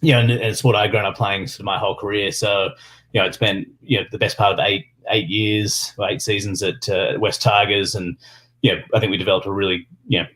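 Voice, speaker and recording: A man's voice: lowish voice, little pitch movement, brisk, a bit bright. An Australian man chatting casually as an interview guest, rambling and leaning on filler phrases. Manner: rambling, peppered with "you know" and "sort of". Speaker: podcast guest, sports business executive.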